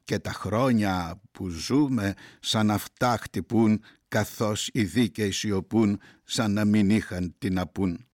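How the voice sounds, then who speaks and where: A man reading poetry aloud in a slow, grave, deliberate way, pausing between short phrases. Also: on the low side, darkish tone, dry recording, clean studio sound. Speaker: poetry reader.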